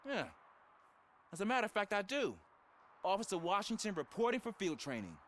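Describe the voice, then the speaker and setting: Male, slightly high, young unsure rookie policeman, earnest game dialogue, faint ambience. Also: big pitch swings, fairly quick, a bit bright, a little hiss or hum. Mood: eager.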